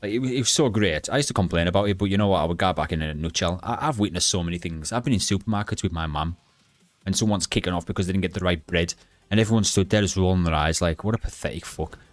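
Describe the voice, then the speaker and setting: Blunt, rambling man, very low voice. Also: dry recording, faint music behind. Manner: blunt, rambling, halting restarts. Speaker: gaming livestreamer. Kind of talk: rambling casual chat to a live chat.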